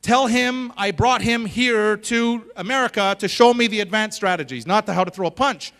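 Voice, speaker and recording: An eager, proud young martial arts student who pleads insistently and impatiently, as a male speaker acts him out. The voice sits high for a man. It rings with the long reverb of a large hall. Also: normal speed, a bit bright. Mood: frustrated.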